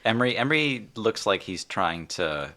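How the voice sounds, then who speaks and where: A man's voice: lowish voice, big pitch swings, moderate pace, pushed and bright. A man narrating a tabletop game as game master, casual and full of fillers.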